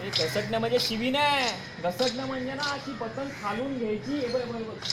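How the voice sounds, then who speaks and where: A man's voice: very high-pitched, normal speed. Man acting as a commanding elder brother, barking kite orders, boastful, noisy outdoor sound. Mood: explaining. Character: bossy young kite-flying elder brother. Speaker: older brother flying kites. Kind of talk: short film acting.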